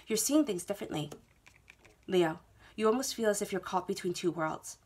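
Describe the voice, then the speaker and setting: Seated at a table indoors with her cards spread out, a woman with a head cold delivers a monthly tarot reading to camera. Her mid-range voice is darkish and slightly rough, with lively intonation at normal speed, and she soothes and reassures, checking in often with "okay?".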